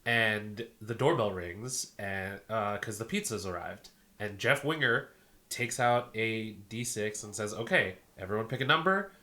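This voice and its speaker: A man co-hosting a podcast, chatting casually and enthusiastically, rushing through some bursts. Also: lowish voice, animated, pushed and bright. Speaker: podcast co-host. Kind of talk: casual chat.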